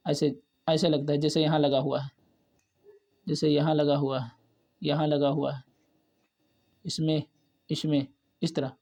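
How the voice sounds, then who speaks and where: A man's voice: a little high, flat delivery, a little slow, pauses often, dark tone. Patient man teaching Hindi reading. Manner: repeats each syllable and word several times, patient. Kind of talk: slow step-by-step reading lesson.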